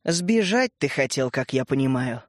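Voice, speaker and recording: A man's voice: mid-range voice, lively intonation, moderate pace, no room sound, voice pushed down, natural voice. A strict schoolteacher woman lays down the rules in a firm, commanding tone, as a man reading the story puts her on. The sound is dry and close. She sounds like a storybook teacher who will not be argued with. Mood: stern.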